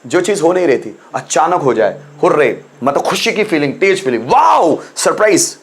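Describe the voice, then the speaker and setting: A young man with a Hindi accent teaching English in a live online class, coaxing students and repeating examples slowly. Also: fairly high pitch, animated.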